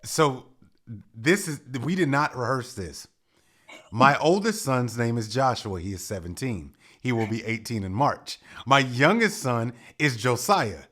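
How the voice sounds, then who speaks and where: A man's voice: medium pitch, expressive, measured pace, bright, forceful tone. A man in his forties hosting a podcast, asking long, rambling questions with many restarts. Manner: rambling, self-correcting questions. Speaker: podcast host. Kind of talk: conversational interview.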